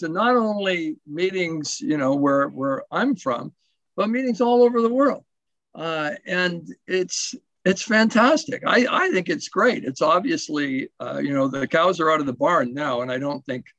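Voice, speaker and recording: Canadian guy sharing his story on zoom late at night, kinda high voice, dull dry sound. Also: fairly bright tone, no room sound. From west coast of Canada. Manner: rambling, self-deprecating, many fillers and restarts. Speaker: guest speaker at a recovery symposium. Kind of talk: casual personal share over video call. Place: home in Portugal, late at night. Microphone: video call.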